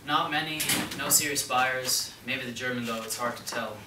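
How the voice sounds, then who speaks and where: A man plays a grieving young father who speaks in a calm, measured way with a defensive edge. His mid-range voice comes from a distant mic in a reverberant room with steady background noise, like a stage play taped from the seats. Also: medium pitch, lightly acted. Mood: weary. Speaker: stage actor. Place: theater stage. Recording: echoey room, far-off mic, noisy.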